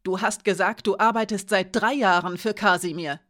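A woman voicing a young female soldier held captive, speaking in a sharp, accusing, bitter way. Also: mid-range voice, steady tone, moderate pace, lightly acted. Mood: angry.

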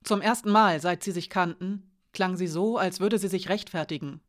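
A woman with a fairly low voice reads a novel aloud. Her delivery is measured and expressive. It is a scripted audiobook narration.

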